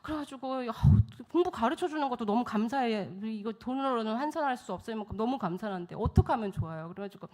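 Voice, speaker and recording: Woman, middle-aged, church testimony sermon, high-pitched, very lively intonation, acts out quoted voices. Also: fast talker, hardly any pauses. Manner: animated storytelling, acting out quoted voices, laughing often. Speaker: missionary speaker at church revival.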